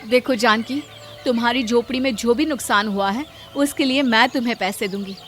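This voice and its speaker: A woman's voice: on the high side, brisk, a bit bright, a little hiss or hum, natural voice. A woman voicing a stern, commanding wealthy mistress of the house in a cartoon story. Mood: remorseful. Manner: scolding, commanding.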